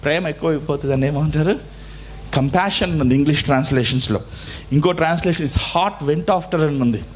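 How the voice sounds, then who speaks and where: A pastor preaches a sermon, swinging between loud exclamations and soft, low phrases and slowing down to stress certain words. There's slight background noise.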